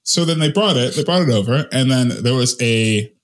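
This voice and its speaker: A man co-hosting a casual film podcast, telling stories in an animated way. He swears freely, and his voice leaps high at each punchline before dropping back to a mid-pitched everyday tone. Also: fairly quick. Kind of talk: casual chat.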